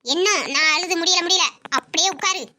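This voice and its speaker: Very high-pitched scolding woman. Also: a little fast, heavy background noise. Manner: wailing, scolding, bossy. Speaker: new bride in a comedy skit. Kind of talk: comic couple sketch.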